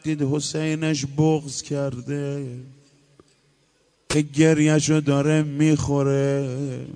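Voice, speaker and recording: A man's voice: a little high, dark tone, smooth. Resonant male eulogist chanting a lament. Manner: emotional storytelling, shifting between speech and lament singing. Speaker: religious eulogist. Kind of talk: chanted mourning eulogy, partly sung.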